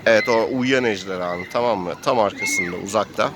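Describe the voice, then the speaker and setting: With a lowish voice and a slightly fast pace, a man acts as game master for an improvised role-playing adventure, giving dramatic play-by-play narration. Faint street noise and background voices sit in the recording.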